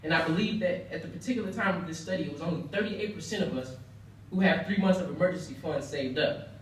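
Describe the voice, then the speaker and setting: This young American banquet speaker talks fast, working through a prepared speech in a reverberant indoor room, heard from a distance with faint noise around. He's earnest and emphatic, his slightly high voice repeating phrases for effect.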